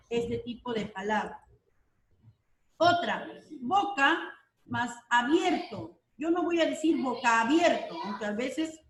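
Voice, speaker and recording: A woman teacher giving an online lesson, who explains slowly, repeats key terms and keeps checking that her students follow. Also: high voice, recorded from a distance, slight background noise. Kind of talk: online class lecture. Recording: roomy sound from off the mic.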